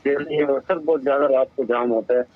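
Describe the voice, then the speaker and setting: A man's voice: medium pitch, fairly even intonation, normal speed. A man calling in over a breaking, distorted phone line, speaking in short broken phrases and calling the host sir. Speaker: caller to a call-in show. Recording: muffled husky phone-line call.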